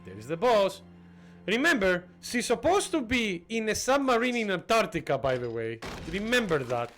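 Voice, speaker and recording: A man livestreaming a video game with casual, jokey, halting commentary to his chat. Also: high-pitched, big pitch swings, fairly bright tone, soft background music. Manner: jokey, chatty, halting fillers.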